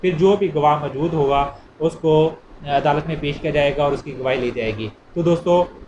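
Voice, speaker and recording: A man with a Pakistani accent and a fairly high voice gives an informal law lecture at a moderate pace. He teaches didactically, repeating his points and posing questions he then answers. The amateur recording is muffled and clearly noisy.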